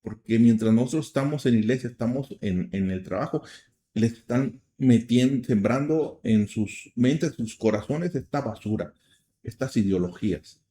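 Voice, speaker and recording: A middle-aged Mexican man hosting a program of earnest religious commentary, often restarting his sentences and filling pauses. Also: medium pitch, dark tone. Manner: earnest, with frequent restarts and fillers. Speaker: program host.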